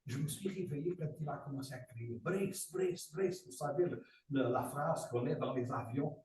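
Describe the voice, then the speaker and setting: A man from Angola telling a personal story in a group meeting, vivid and animated, with sound effects and sudden jumps in pitch. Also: normal speed. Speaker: participant sharing a story. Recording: roomy, distant, faint noise.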